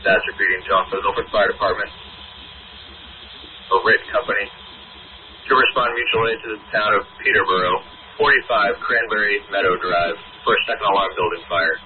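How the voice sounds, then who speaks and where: A man with a fairly low voice makes a formal dispatch announcement in police radio style. It comes over a thin, narrow radio channel with clear noise. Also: steady tone, brisk. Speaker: mutual aid fire dispatcher. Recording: noisy narrow-band scanner radio.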